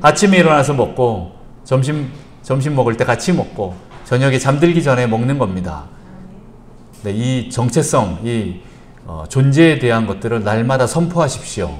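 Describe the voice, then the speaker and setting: A man's voice: medium pitch, expressive, normal speed, a little hiss or hum. A male pastor preaching an evening church sermon, repeating short instructions and having the congregation recite after him.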